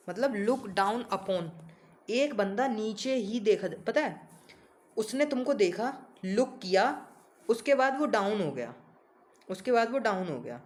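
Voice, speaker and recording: A man teaching English vocabulary in a casual coaching lesson, talking informally to his students and spelling words out letter by letter. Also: sits high.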